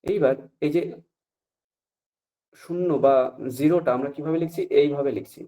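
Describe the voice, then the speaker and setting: A man's voice: on the high side, steady tone, normal speed, dark tone. A male teacher giving an online Sanskrit class, explaining patiently step by step and often checking that students follow. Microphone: video call.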